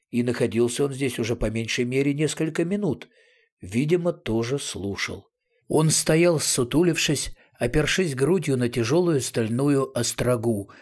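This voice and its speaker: Male narrator, husky voice, dramatic storybook reading. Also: mid-range voice.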